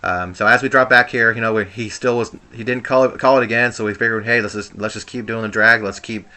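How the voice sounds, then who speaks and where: A man's voice: lowish voice, steady tone, fast talker, bright, forceful tone. A man giving casual, rambling commentary over his own video game play, hesitant and mildly frustrated. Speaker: gamer commentating on own gameplay.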